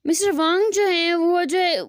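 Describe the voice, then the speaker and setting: A young woman retells a fan-fiction story in a loose, chatty narration full of fillers. Her voice is very high. The recording is dry and close to the mic. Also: normal speed, dry recording.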